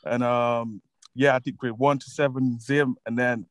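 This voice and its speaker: A man in his twenties from Zimbabwe, a musician guest talking in a relaxed way, laughing often and repeating words as he thinks. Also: medium pitch, moderate pace, no room sound, low-quality recording. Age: 20s. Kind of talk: casual interview chat.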